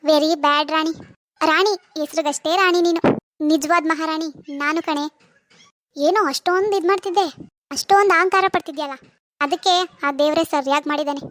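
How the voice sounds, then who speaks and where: A woman voicing a boastful rich young woman who taunts and lectures her poorer sister in an animated cartoon. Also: sits high, fairly quick. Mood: taunting. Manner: taunting, scolding, preachy.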